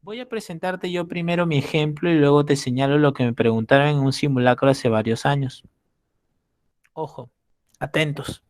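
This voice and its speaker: A man teaching an entrance-exam prep class, walking through concepts with acted-out examples. His voice sits fairly high and he keeps checking in with listeners as he explains. The recording is dry and close, with no room sound. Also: fairly even intonation, moderate pace, dry recording.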